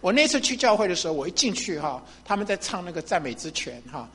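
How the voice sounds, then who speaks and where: 一位中年男牧师在讲道中分享自己的见证，语气随意，常常笑，口头语很多。. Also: male voice, high-pitched, sing-song, fast talker, a bit bright, breathy edge. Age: middle-aged. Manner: chatty, laughs often, frequent fillers. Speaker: pastor. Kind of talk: sermon testimony.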